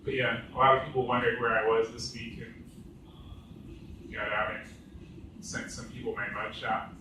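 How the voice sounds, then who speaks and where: A male stand-up comedian at an open mic rambles through a story, leaning on "like" and "uh" at every turn. His mid-pitched voice is picked up from well back in a very echoey room. Faint ambience sits behind him. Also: flat delivery, unhurried, recorded from a distance, noisy background. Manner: rambling, filler-heavy storytelling with many "like"s. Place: echoing open mic venue.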